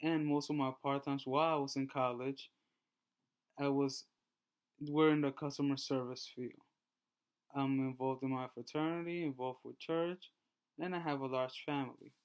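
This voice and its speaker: Man, twenties, from Honduras, class slide presentation, smooth clear voice, measured reading. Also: medium pitch, steady tone. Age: 20s. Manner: reads slides in a measured way with small restarts. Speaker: student presenter.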